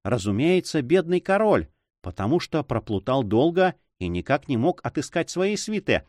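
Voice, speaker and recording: A man reading aloud, voicing a composed priest who speaks calmly and coolly. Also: medium pitch, moderate pace, dry recording, clean studio sound, lightly acted. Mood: storytelling. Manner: calm, cool. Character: calm, measured male priest, cool and composed. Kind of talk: audiobook character reading.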